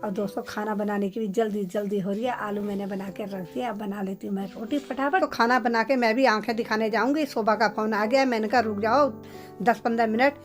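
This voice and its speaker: A woman's voice: mid-range voice, fairly even intonation, fairly quick, soft background music. A middle-aged woman narrating her daily home routine in a chatty way, talking straight to her viewers. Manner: chatty, addresses viewers directly. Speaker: vlogger. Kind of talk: casual home vlog narration.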